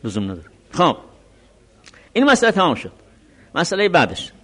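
A man teaching a religious law lesson, reading classical text slowly and then explaining it quickly. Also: on the high side, huge pitch swings, bright, forceful tone, husky. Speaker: seminary teacher.

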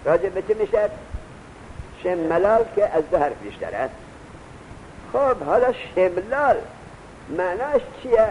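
A man with a slightly high-pitched voice gives a grammar lecture. He goes over each point again, puts questions to his students and tells them to write things down. A faint rumbling noise sits behind him. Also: very animated, pauses often, highs cut off. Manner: repeats points and quizzes the students; urges students to take notes. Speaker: teacher of Arabic grammar. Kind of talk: classroom lecture.

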